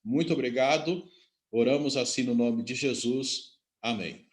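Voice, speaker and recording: A man's voice: medium pitch, unhurried. A male church leader welcomes the congregation and leads a prayer in a formal pastoral tone. His voice rings with the echo of the church room.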